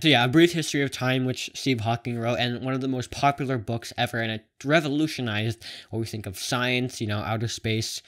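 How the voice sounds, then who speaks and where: A man's voice: medium pitch, a bit bright. A young man from Canada talking casually to camera, with a lisp and whistling s, rambling and often correcting himself. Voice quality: lisp with whistling s from plastic braces. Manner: rambling, halting, self-correcting. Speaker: video blogger.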